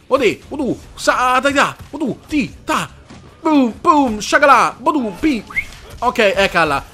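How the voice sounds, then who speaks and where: A man doing excitable gameplay commentary, swearing and making fighting sound effects with his mouth. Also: very high-pitched. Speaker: gamer.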